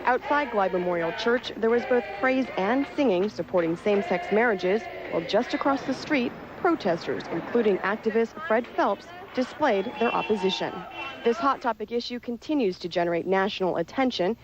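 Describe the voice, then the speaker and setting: A woman's voice: mid-range voice, expressive, moderate pace, highs cut off, background noise. A woman with an American accent reporting live for television news, moving between explanation and scripted narration.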